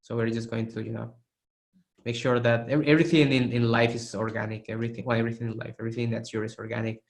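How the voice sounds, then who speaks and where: An art instructor giving feedback in a live online webinar critique of 3D sculpts is hoarse and losing his voice, and he keeps clearing his throat. His mid-range voice is flat and quick, and his feedback is casual and encouraging, with frequent restarts of phrases as he demonstrates.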